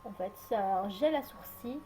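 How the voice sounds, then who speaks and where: A woman's voice: medium pitch, expressive, a little slow, mellow, slight background noise. A woman giving a casual makeup tutorial at home, hesitant and full of filler sounds and restarts as she talks through each step. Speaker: beauty vlogger.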